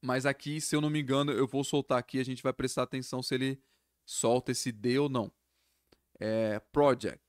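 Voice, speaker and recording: A man teaching English pronunciation, explaining each sound step by step and repeating words slowly. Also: medium pitch, steady tone, dry recording, studio quality. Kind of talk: pronunciation lesson.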